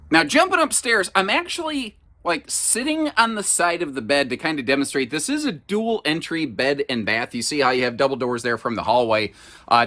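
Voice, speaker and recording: A man's voice: on the high side, sharp tone. A man giving a casual, chatty walkthrough inside a trailer as an RV dealer, folksy with lots of fillers, recorded on a handheld camera mic.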